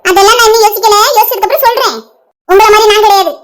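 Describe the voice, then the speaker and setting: A woman's voice: very high voice, steady tone, racing. A woman voicing a cheeky, stubborn old village grandmother in a cartoon, with a Tirunelveli Tamil accent. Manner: teasing, stubborn, chatty.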